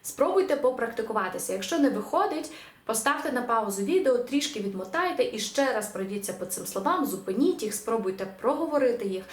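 A woman teaching an online language lesson, saying example words slowly and clearly, then explaining them. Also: fairly high pitch, animated, reverberant.

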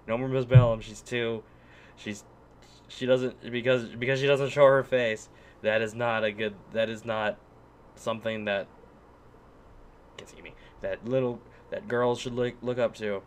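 A man's voice: medium pitch, fairly even intonation, measured pace, pauses often, smooth. A man giving a crude, rambling ranting commentary. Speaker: reviewer being critiqued.

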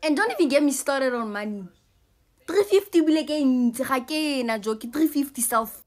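A woman's voice: high voice, lively intonation, moderate pace. A young South African woman with a South African accent giving a casual, teasing comic monologue. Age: young adult. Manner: chatty, teasing, mixing in local phrases.

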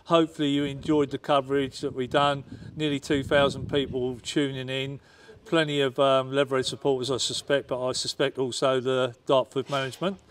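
A man, a club media interviewer asking loose, chatty questions after a match. He has a mid-pitched voice, with faint outdoor noise around him. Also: little pitch movement, brisk, hardly any pauses. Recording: noisy outdoor stadium at night.

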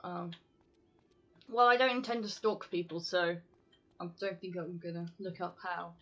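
A woman's voice: on the low side, moderate pace, fairly bright tone, lo-fi sound, a little hiss or hum. A woman chatting casually on a game live-stream, scattered, talking to herself and swearing casually.

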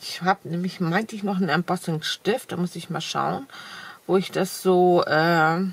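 A crafting vlogger with a cold shows off craft supplies at her desk in a casual haul video, the camera above the desk showing only her hands. Her fairly low voice is creaky with a breathy edge, moderately paced and fairly even in intonation, and she chats enthusiastically with lots of fillers.

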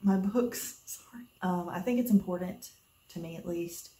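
A woman vlogging in a casual, rambling way, speaking quietly with the hiccups. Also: lowish voice, normal speed, reverberant, distant mic. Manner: rambling, chatty, with many fillers; speaks softly, trying not to be loud. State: has the hiccups. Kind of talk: casual chat.

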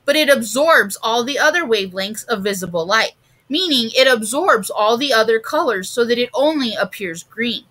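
A woman reading the lines of a patient man explaining science to children in a storybook, in a calm explaining tone. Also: a little high, normal speed.

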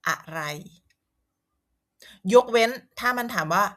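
A woman's voice: on the high side, takes it slowly, fairly bright tone. A woman from Thailand teaching a language lesson, explaining vocabulary patiently and repeating words to model how they sound.

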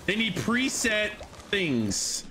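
On a headset mic in a noisy setting, a man in his thirties live-streams a game, chatting casually, repeating phrases and swearing. His voice is high-pitched and very animated yet very slow, and he keeps coughing, saying he's losing his voice.

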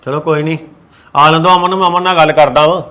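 In scripted web drama acting, a man plays a stern elder brother scolding his younger sibling with exasperation. His voice is fairly high, bright, and forceful, with a steady tone and a quick pace.

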